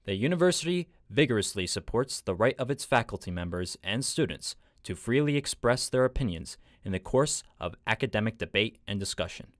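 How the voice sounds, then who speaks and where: A man's voice: lowish voice, sing-song, brisk, few pauses, dry recording, clean studio sound. A man reading scripted news narration as a reporter.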